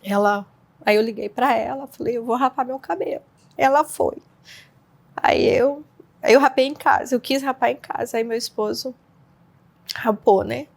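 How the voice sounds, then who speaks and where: Gravelly-voiced woman giving a halting testimony. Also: a little high. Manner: halting, restarts often, leans on fillers. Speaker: interview guest. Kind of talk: personal testimony in conversation.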